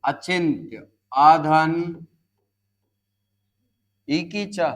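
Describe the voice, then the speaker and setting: Slow, coaxing male teacher. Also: a little high. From India. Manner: slow, deliberate spelling out and counting aloud; coaxes students with short prompts. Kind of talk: classroom lecture.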